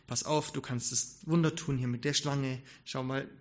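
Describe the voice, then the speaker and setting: A man's voice: medium pitch, fairly even intonation, normal speed. A man preaching a conversational sermon in an informal, musing way. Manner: informal, musing, acts out quoted speech.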